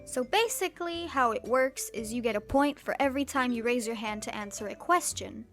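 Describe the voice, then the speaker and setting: This teen YouTuber from Turkey speaks briskly in a fairly high voice, with faint music behind her. Her scripted vlog monologue is sardonic in tone, with sudden bursts of comedy.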